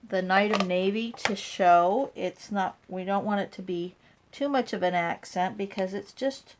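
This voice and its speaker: A woman's voice: mid-range voice, slight background noise. A woman demonstrating card making step by step, talking casually with small fillers as she works. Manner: step-by-step instructing while working, casual with fillers. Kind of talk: hands-on craft tutorial.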